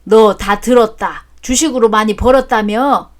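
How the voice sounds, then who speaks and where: A grumpy older father-in-law, put on by a woman reading the story, scolds his children in a loud, raised voice. The voice sits fairly high, and the story is read as a storybook drama. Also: moderate pace, close to an everyday voice. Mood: scolding.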